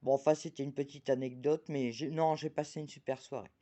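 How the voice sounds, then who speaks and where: A woman's voice: a bass voice, fairly even intonation, mellow. Chatty woman presenting oracle cards. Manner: chatty, talks about herself in the third person; reads card messages slowly.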